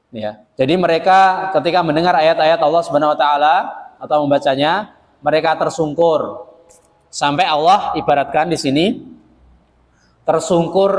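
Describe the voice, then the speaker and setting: A male preacher gives a folksy sermon, joking and speaking straight to his listeners. His voice sits a little high. The sound carries a long reverb, as if in a large hall. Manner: folksy and joking, addresses the audience directly. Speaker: Islamic preacher. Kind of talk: sermon to a local congregation.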